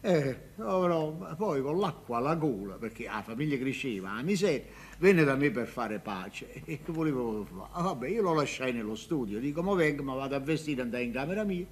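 An actor playing a pompous, stubborn middle-aged mayor with a Neapolitan accent, emphatic and repetitive in a stage comedy. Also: male voice, medium pitch, animated, brisk, hardly any pauses, a little hiss or hum, close to an everyday voice. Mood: aggrieved. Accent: southern Italian, Neapolitan. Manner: theatrical, emphatic, repeats himself. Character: pompous, stubborn mayor, grudge-holding rich uncle.

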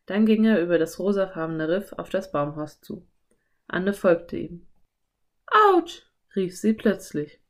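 A woman narrating a children's audiobook in a calm, even storytelling voice. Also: lowish voice, unhurried. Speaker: audiobook reader.

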